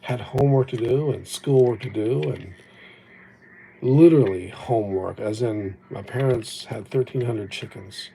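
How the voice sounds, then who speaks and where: On his livestream, a Japanese-born man chats in a rambling, reflective way, poking fun at himself. His mid-range voice is mellow and a little slow. The old-phone recording is rough, with a bit of hiss or hum.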